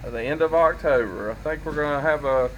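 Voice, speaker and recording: A man's voice: on the high side, brisk, poor audio. A man giving an informal, folksy guided tour as a distillery owner, explaining things in a hesitant way. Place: inside a working distillery. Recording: loud machinery and room noise behind.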